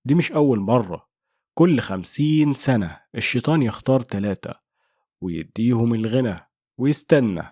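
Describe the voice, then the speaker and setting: A man's voice: mid-range voice, expressive, normal speed, a little mellow, no echo, clean studio sound, lightly acted. A man with an Egyptian Arabic accent voicing a frightened old male monk who gives grave, fearful warnings in a horror story.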